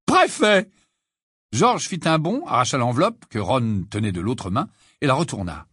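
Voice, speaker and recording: A man narrating an audiobook with animated, dramatic storytelling, on a close studio mic. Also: mid-range voice, moderate pace, husky, dry recording. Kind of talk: expressive audiobook reading.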